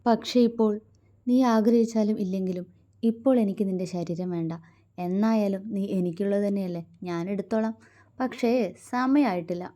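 A woman's voice: medium pitch, normal speed, close to an everyday voice. A woman reading a story aloud, voicing a brooding, bitter young man who snaps scornfully at his lover. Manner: scornful, sharp bursts of anger.

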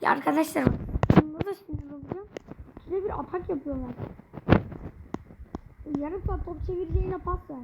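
Young woman with a Turkish accent, high voice, gaming commentary for her viewers, chatty and quick to get frustrated, noisy home recording. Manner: chatty, easily frustrated, addresses viewers constantly. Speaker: gaming channel host. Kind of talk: mobile game commentary.

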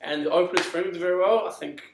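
A man's voice: high-pitched, very fast, roomy sound, noisy background. A man co-hosting a casual chat in a playful, chatty way. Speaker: co-host.

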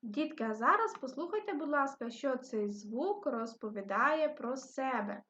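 A woman teaching a reading and phonics lesson to young children, speaking slowly and clearly with patient encouragement. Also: high-pitched, expressive, sharp tone. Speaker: primary school teacher. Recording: dull lo-fi recording.

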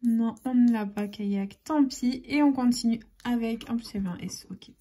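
A woman narrates scratch cards in a casual vlog, chatty and spelling out letters one by one, often slipping into soft half-whispers. Her voice sits slightly high, with a husky, breathy texture and a mellow, dark tone. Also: moderate pace. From France. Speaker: YouTuber scratching lottery tickets.

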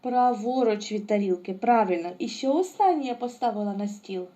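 A woman's voice: mid-range voice, expressive, a little fast, dark tone. A woman teaching a lesson to young children, asking questions and answering them herself with praise. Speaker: preschool teacher.

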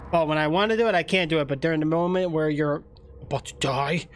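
A man's voice: fairly high pitch, fast. A man doing casual live game commentary into a headset, exasperated and pleading with the game. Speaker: game streamer and dad. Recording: game ambience and noise behind.

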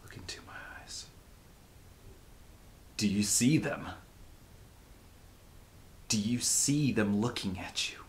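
Tormented possessed soul, slow and anguished. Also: male voice. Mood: haunted, menacing. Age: 20s. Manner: anguished, swinging from hushed menace to desperate shouting. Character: tormented man possessed by demons, warning others away. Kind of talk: dramatic monologue. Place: small plain indoor room. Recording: noisy room recording with low rumble.

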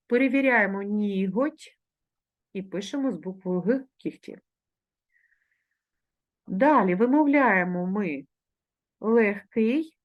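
A woman with a Ukrainian accent, a primary school teacher giving a recorded online lesson, dictating words slowly and clearly. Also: mid-range voice, muffled recording. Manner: slow, carefully articulated dictation of words.

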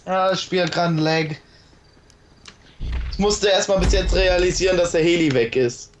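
A young gamer chats casually with friends during an online game, joking, teasing and laughing a lot. His voice is high-pitched and his speed normal, with a little hiss or hum on the recording.

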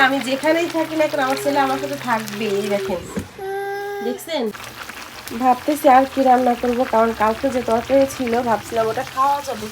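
Woman, young adult, hoarse, chatty cooking vlog, home kitchen, loud sizzling pan behind. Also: fairly high pitch, noisy background. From Bangladesh. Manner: chatty, talks viewers through her cooking. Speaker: home vlogger. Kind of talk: casual cooking vlog chat. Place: home kitchen with open window. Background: frying and sizzling in the pan.

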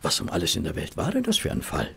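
An actor playing a curious, easily appalled gentleman doctor, polite and exclamatory, in a German radio play. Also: low voice, huge pitch swings, fast, vocal fry, slightly rough, heavily acted. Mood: curious, astonished.

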